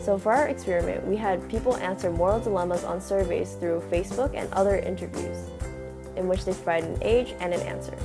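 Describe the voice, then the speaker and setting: A young woman narrating a class experiment in a steady, explanatory way. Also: on the low side, brisk, creaky. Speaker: student narrator presenting an experiment. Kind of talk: scripted narration. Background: background music.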